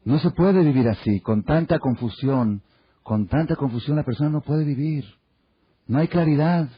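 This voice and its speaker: A man's voice: on the high side, moderate pace, husky, no echo. A man giving a Torah class as a rabbi, telling stories with rhetorical questions and acted-out quotes. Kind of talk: Torah class with humorous anecdotes. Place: lecture hall. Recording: dull lo-fi archive tape.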